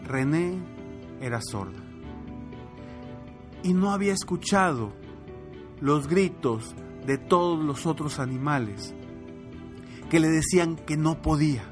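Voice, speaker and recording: A man, a motivational coach and podcast host, telling a fable in an animated, repetitive way. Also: fairly high pitch, slow pace, pauses often, over music. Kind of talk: motivational storytelling.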